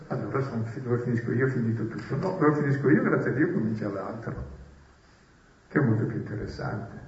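A man preaching and commenting on scripture, with rhetorical questions and wry humour. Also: mid-range voice. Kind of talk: spoken Bible commentary. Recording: roomy, distant and dull.

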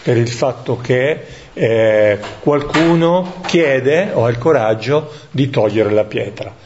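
A man leading a Bible study, teaching in a reflective way that thinks aloud, with pauses and tag questions. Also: medium pitch, dull audio, noisy background. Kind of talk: lectio divina teaching.

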